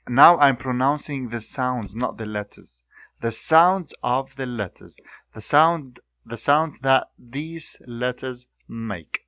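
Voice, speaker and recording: A man teaching pronunciation, slowly repeating sounds and words for learners to copy. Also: medium pitch, no echo. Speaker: Arabic teacher. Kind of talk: pronunciation lesson. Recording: dull lo-fi sound.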